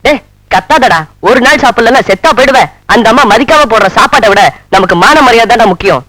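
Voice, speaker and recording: A proud young worker. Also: male voice, very high-pitched, animated, fast, bright, forceful tone, exaggerated voice. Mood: earnest. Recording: noisy film soundtrack.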